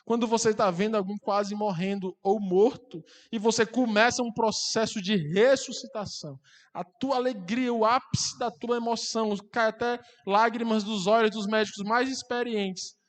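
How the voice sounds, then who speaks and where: A man preaches with fervor, his voice pitched high for a man. The sound carries a long reverb from the church hall. He swells into loud, impassioned climaxes. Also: steady tone, moderate pace. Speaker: pastor. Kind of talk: sermon.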